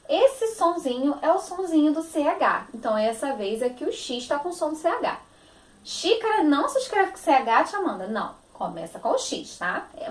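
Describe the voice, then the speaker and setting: A woman's voice: high-pitched, reverberant. A woman teacher with a Brazilian Portuguese accent, giving a phonics lesson to young children, stretching out words in a sing-song, affectionate manner.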